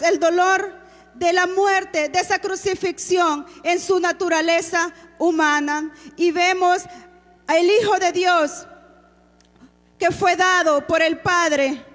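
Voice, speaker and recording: A woman's voice: very high voice, big-room sound. A woman giving a solemn, reverent devotional address to a church. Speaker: church speaker.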